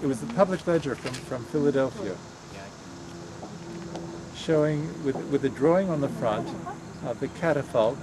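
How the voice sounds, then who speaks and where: A soft-spoken Pennsylvania man in his eighties, medium in pitch, reminisces while guiding his family around outdoors by a roadside house. His storytelling halts with many pauses and restarts. It was captured on a camcorder outside, with traffic noise audible.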